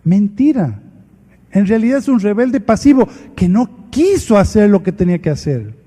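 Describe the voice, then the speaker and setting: A man preaches a sermon at a conference retreat. His voice sits high for a man and sounds mellow rather than bright. He acts out the dialogue in his examples emphatically, and the sound trails off in the long reverb of a large hall. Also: sing-song, normal speed.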